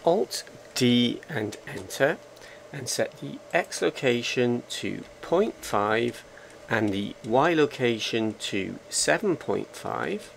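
A man narrating a software screencast tutorial, calmly giving slow step-by-step commands. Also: mid-range voice, gravelly, a little hiss or hum. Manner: slow, measured, instructional commands.

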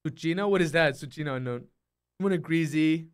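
A man's voice: a little high, quick pace, clear, resonant tone. A young man live-streaming a game, chatting casually and greeting his chat one by one in a laid-back way.

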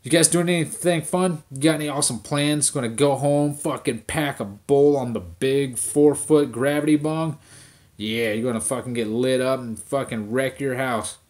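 A man ranting casually to his viewers in a vlog, stoned and relaxed, cursing constantly and rambling from one idea to the next. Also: mid-range voice, moderate pace. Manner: profane, rambling, addressing viewers directly. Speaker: vlogger. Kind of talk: casual rant to camera.

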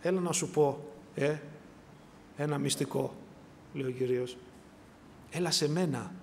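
High-voiced preacher in a reverberant hall. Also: male voice, creaky, slight background noise. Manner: swings from hushed to raised, pleading voice, repeated calls to the brethren. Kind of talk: sermon.

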